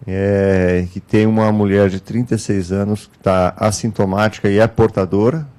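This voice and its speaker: A man with a Brazilian accent moderates an online clinical case meeting. His voice is low and mellow, and he speaks in a measured way, often adding "né?". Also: flat delivery. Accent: Brazilian Portuguese. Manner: measured, frequent "né?" tags.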